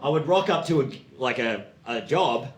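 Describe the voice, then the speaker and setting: A man in his late thirties with an Australian accent, telling stories in a stand-up comedy set and acting out high, excited voices. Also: moderate pace. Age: 30s. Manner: storytelling, acts out voices with sudden high excited jumps. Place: comedy club stage. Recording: echoey club room with audience.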